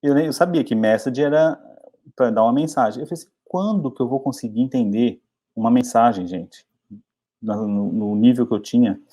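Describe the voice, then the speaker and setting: A middle-aged Brazilian man teaching English by telling stories about his own early struggles, in a chatty, animated way. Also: normal speed. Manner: chatty, animated storytelling with lively pitch jumps. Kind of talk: storytelling English lesson.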